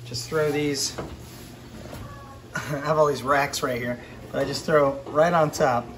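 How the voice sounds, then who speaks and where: In a noisy setting, a man in his forties narrates cooking fish in his kitchen for his fishing vlog, shot on a handheld phone. His voice is a little high and his delivery slow, relaxed and chatty as he cooks.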